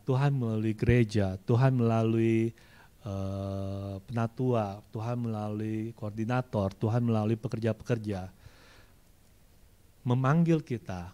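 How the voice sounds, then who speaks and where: A man's voice: mid-range voice, warm tone. A male preacher giving a sermon at a streamed church service, slipping into everyday slang and acting out people's prayers and excuses in shifting voices.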